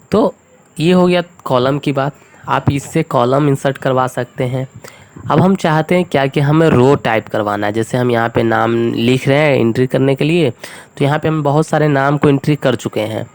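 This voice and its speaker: A man talks through a screen-recorded spreadsheet tutorial. His voice sits at a middling pitch with a gravelly edge. He moves step by step and keeps checking that his listeners are following. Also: darkish tone. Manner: patient, step-by-step, frequent check-ins. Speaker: computer tutor.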